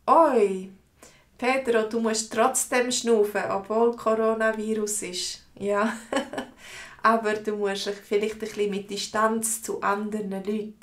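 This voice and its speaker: A woman with a Swiss accent, teaching a live online language lesson, explaining words slowly and answering viewers' comments. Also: mid-range voice, flat delivery, reverberant. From Switzerland. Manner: slow, explanatory, repeats words for learners.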